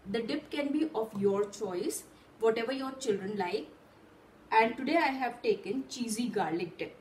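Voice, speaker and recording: A woman in her thirties demonstrates a simple recipe for parents on her channel, patiently walking through each step at a table in a small room. Her fairly high voice is expressive and a little mellow at normal speed, in a rough recording with a little hiss or hum.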